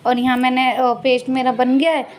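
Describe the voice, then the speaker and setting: A woman's voice: sits high, flat delivery, moderate pace, slight background noise. Chatty woman vlogging from her kitchen. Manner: chatty, chuckling, laughs at her own slips of the tongue. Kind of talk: casual cooking vlog. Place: home kitchen.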